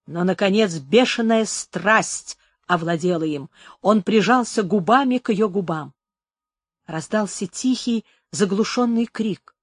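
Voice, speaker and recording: Expressive narrator of a melodrama. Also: medium pitch, slightly rough, dry recording, clean studio sound. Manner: measured, expressive reading of a melodrama. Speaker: audiobook narrator. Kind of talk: dramatic literary narration.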